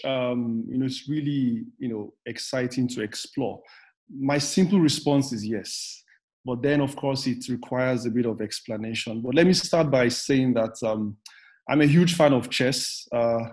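A man appears as a guest expert on a podcast, answering questions thoughtfully. He pauses often and fills the gaps with um and you know. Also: medium pitch, darkish tone. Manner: thoughtful, hesitant with fillers. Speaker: guest researcher. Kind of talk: podcast interview.

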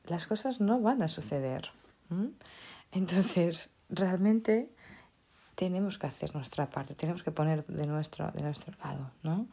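A woman giving a motivational talk off the cuff, stumbling over words and restarting often. Her voice is husky and mellow, with a gravelly edge. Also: lowish voice. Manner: hesitant, with many restarts and tag questions. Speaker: motivational speaker.

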